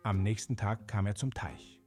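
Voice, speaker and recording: A man narrating a children's animal fable in a gentle, unhurried way with small fillers. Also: lowish voice, fairly even intonation, soft background music. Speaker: storyteller.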